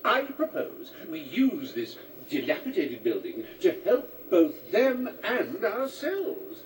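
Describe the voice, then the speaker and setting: Slow, silky, smug game aristocrat villain. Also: male voice, high-pitched, wildly swooping pitch, full character voice. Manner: theatrical, drawling. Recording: distant game audio, background noise.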